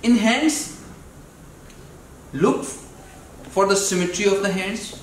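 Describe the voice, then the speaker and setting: Pakistani accent guy teaching an exam step by step, bit high voice, super echoey room. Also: slow pace. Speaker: doctor, instructor. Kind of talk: instructional clinical demonstration. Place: medium-sized indoor meeting room. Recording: very echoey room, distant mic, noisy.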